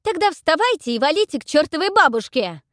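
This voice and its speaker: A defiant young heroine yells in shrill exasperation, as a woman reader puts her on. She has a storybook feel and the recording is dry and close. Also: big pitch swings, slow pace, dry recording, heavily acted. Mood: indignant. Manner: shouting, exasperated.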